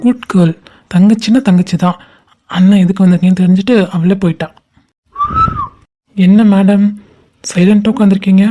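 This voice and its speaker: A woman voicing a caring young man in a cartoon, who asks questions in a soft, coaxing way. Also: mid-range voice, fairly even intonation, moderate pace, long pauses, lightly acted. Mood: teasing. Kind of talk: animated cartoon voice acting.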